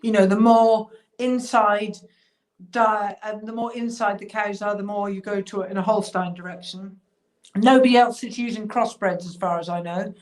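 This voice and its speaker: A woman's voice: mid-range voice, fairly even intonation, moderate pace, a little mellow. A woman with a mid-range voice answers questions over a video call. She explains at length, thinking aloud with plenty of ums and restarts. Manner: thoughtful, explanatory, with frequent fillers. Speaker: cheesemaker guest. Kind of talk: casual interview chat.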